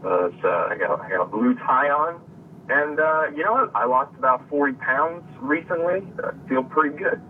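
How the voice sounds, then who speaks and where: A man from Connecticut calling in over the phone, talking in a halting, deadpan way with lots of fillers. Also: a little high. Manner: hesitant, halting with many fillers, dry deadpan humor. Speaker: caller. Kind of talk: casual call-in chat. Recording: tinny distant phone line with faint hiss.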